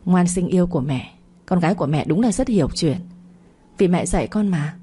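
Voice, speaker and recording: A woman's voice: fairly low pitch, animated, a little fast, breathy edge. A woman voicing a scheming, cruel middle-aged mother with a conniving way of talking. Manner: coaxing then sharp, conniving.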